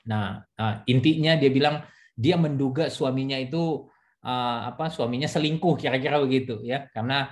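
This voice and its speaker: A man's voice: medium pitch, moderate pace. A man, a pastor and counselor, talking casually on a church talk show and telling a counseling story with many fillers.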